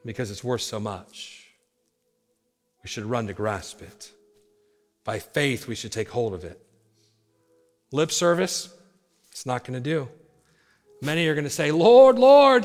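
A pastor preaching a sermon, swinging from loud urgent exhortation to low hushed words. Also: male voice. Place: church sanctuary. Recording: long hall reverb.

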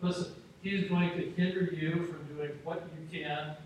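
A middle-aged man preaching a sermon as a pastor in a church auditorium, with an emphatic cadence and slow, deliberate scripture reading. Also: a little high, steady tone, slight background noise. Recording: very echoey hall from far off.

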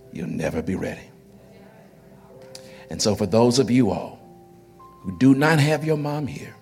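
A pastor in his forties preaches in a conversational style, his voice sitting on the low side. He tends to repeat words while building his phrases.

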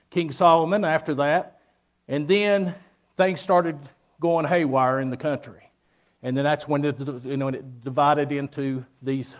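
A man preaching an informal evening Bible lesson at a pulpit microphone, speaking in a halting, folksy, plain-spoken way and putting questions to his listeners. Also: a little high. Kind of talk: informal teaching sermon with questions to congregation.

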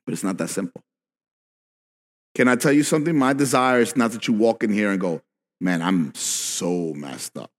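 A male pastor preaching a sermon in a conversational way that builds to emphatic shouts. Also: medium pitch, animated, brisk, pauses often. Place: church sanctuary. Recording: long reverb with faint background music.

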